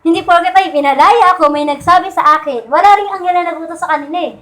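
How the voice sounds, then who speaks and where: A woman preaching a sermon in a conversational way, often checking in with her listeners through quick rhetorical questions. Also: very high voice, fairly bright tone. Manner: conversational, repeats and restarts points. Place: church meeting room. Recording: echoey room.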